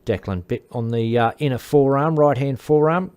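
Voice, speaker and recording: A man's voice: medium pitch, moderate pace, crowd noise. Chatty man commentating on sport. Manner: chatty, informal, with asides. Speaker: darts commentator. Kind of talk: casual live sports commentary.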